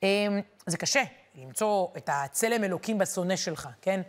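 A woman teaching a weekly Torah portion lesson, talking to listeners in a lively, rhetorical way and stressing the verses she quotes. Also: on the low side.

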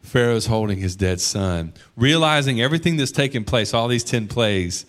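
Animated man preaching a casual sermon. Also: medium pitch, moderate pace. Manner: animated, conversational preaching with emphatic repetition. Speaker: pastor.

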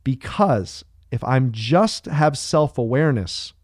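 A man's voice: medium pitch, lively intonation, slow pace, a little mellow, dry recording, studio quality. A man co-hosting a podcast, explaining ideas earnestly and thinking aloud with restarts and fillers. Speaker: podcast co-host. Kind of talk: casual podcast discussion.

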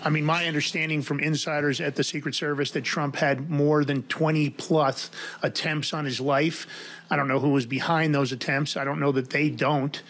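Guy hosting a political chat show, kinda high voice, gets worked up and laughs a lot. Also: moderate pace. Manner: animated, laughs while reading. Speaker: podcast host. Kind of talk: casual political talk.

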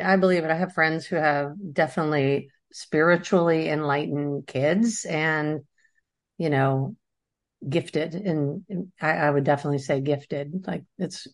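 Chatty, giggly woman podcast co-host. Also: low-pitched. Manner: laughs often, chatty with fillers. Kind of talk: casual chat.

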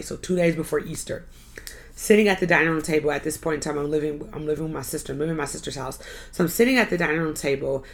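A woman's voice: sits low, gravelly. A young woman, a youth pastor, telling an earnest personal story on a podcast, often repeating and restarting her phrases.

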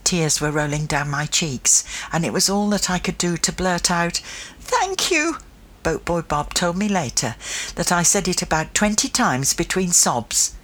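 A woman storyteller giving an expressive first-person reading of a children's adventure story. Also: lowish voice. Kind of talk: storybook narration.

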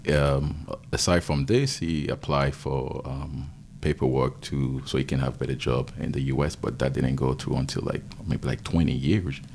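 Very deep gravelly Haitian-accented man. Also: steady tone, a little mellow, a little hiss or hum. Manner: thoughtful, halting, with many fillers. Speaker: podcast guest. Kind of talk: casual interview.

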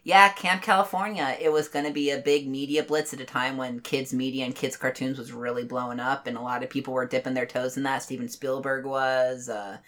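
A woman co-hosting a retro-media podcast, chatting casually, giggly and playful, often trailing off softly. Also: rumbling low, steady tone, fairly quick, hardly any pauses. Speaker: podcast co-host and researcher.

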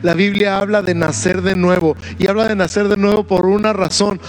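A man preaching as a pastor, speaking in earnest, repetitive and slowly emphasized phrases during a church service sermon. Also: high voice, level tone. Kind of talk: sermon with altar call prayer. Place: church service, streamed online.

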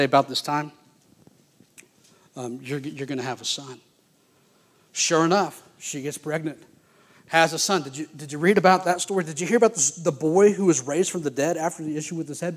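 A man preaching a sermon, telling Bible stories in a folksy, animated way with playful asides. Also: on the high side, brisk. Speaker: pastor.

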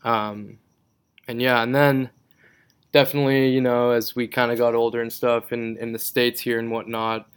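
In a relaxed interview, this young Hebrew-speaking guest from Israel wanders through his answers, full of fillers and false starts. He talks at normal speed with a flat, medium-pitched, clean-sounding voice.

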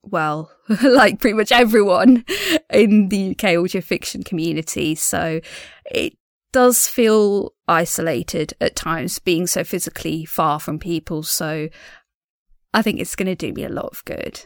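Speaking a little slowly in a fairly low voice, this woman is captured in clean studio sound with no room ambience. She keeps a casual audio diary as a podcast diarist and audio drama creator, chatty, slightly tentative, self-deprecating, and prone to frequent giggles.

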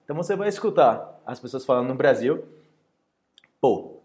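This Brazilian man, whose Brazilian Portuguese accent comes through, talks fast at a medium pitch while leading a relaxed podcast language lesson and performing energetic example phrases.

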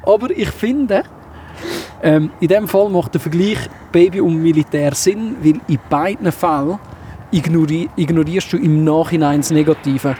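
High-voiced Swiss German man chatting. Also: slight background noise. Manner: quick, lively, acts out quotes. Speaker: podcast host. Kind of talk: casual chat on a walk. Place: outdoors on a walk in town.

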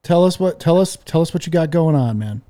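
A man hosting a casual live audio chat, talking loudly and with animation and laughing often. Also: a little high, animated, brisk. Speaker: host.

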